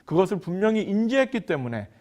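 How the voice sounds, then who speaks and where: A male pastor delivers a sermon in a fairly high voice. His pitch swings widely as he rises to acted scripture quotes and drops low for emphasis. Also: very animated, quick pace, darkish tone. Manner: preaching with dramatic pitch swings, quoting scripture.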